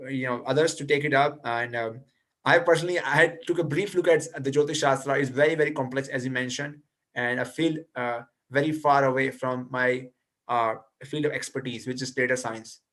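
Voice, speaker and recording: Speaking at a moderate pace in a mid-range, fairly bright voice with fairly even intonation, a young guest speaker on a video call explains ideas to an audience. He lectures and answers questions, often stopping and restarting hesitantly.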